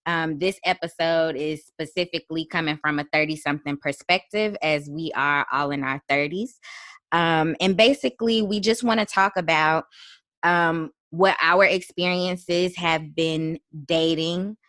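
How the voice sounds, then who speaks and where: A woman in her thirties hosting a casual podcast chat, relaxed and chatty with frequent ums. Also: sits low, measured pace, no room sound. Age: 30s. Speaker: podcast host.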